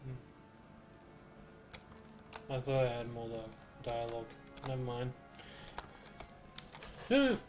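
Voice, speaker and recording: A man streaming a video game, slowly musing aloud to himself in casual commentary. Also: mid-range voice, big pitch swings, music in the background. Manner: slow, musing, mutters to himself.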